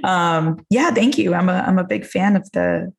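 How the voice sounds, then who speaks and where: A woman's voice: on the low side, moderate pace, gravelly. A woman in casual, giggly, hesitant conversation, recorded on an echoey mic in a hard-walled room. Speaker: podcast co-host. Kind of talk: casual chat. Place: indoor room with hard bare walls.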